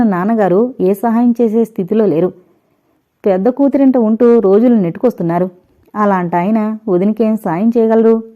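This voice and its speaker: A woman narrating a first-person audio novel in a measured, reflective storytelling manner, recorded on slightly dull, lo-fi audio. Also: medium pitch.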